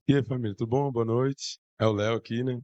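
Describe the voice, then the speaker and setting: A hoarse young man with a Brazilian Portuguese accent, telling a church testimony in an excited, slangy way. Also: mid-range voice, fast, no room sound, muffled recording. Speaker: church youth member giving testimony. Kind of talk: casual testimony to a congregation.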